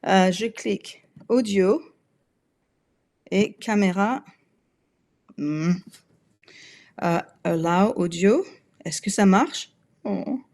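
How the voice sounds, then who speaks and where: A chatty woman in her forties speaks straight to her online audience as a mobility coach. Her talk is loose and direct, full of fillers and quick laughs. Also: medium pitch, a little mellow. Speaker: webinar host and mobility coach. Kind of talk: casual live webinar talk.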